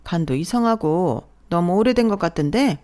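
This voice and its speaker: A woman's voice: fairly low pitch, animated, moderate pace, dark tone, natural voice. A woman voicing a nagging, sarcastic older mother-in-law who scolds as she speaks. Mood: scolding.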